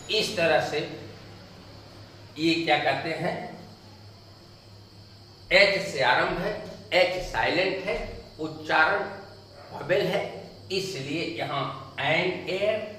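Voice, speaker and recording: Man, teacher, slightly high voice, deliberate repetition, faint background noise. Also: animated, pushed and bright. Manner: slow, repeats examples aloud with emphasis. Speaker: English teacher. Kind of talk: slow classroom lecture. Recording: echoey room, distant mic, faint noise.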